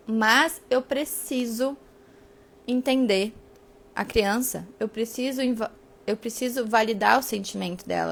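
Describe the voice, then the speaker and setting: A woman's voice: fairly high pitch, creaky. A woman, hosting a live book study in a chatty teaching tone that keeps checking in with "né?". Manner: chatty, often ends with "né?" and "tá?". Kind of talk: casual teaching talk on a live stream.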